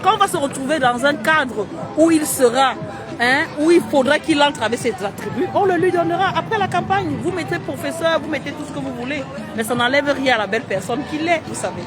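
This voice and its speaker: High-voiced man live-streaming outdoors. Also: expressive, fairly quick. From Cameroon. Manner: chatty, greets viewers by name, teasing. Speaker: livestream host. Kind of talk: casual live-stream chat with viewers. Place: outdoors in a busy city square. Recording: street crowd and music behind.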